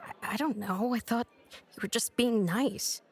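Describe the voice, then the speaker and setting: A woman's voice: on the high side, measured pace, gravelly, husky, heavily acted. A sarcastic young woman, dry and direct, teases a lot, audio drama. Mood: earnest. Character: blunt, sarcastic young woman, grieving sister. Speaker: [name].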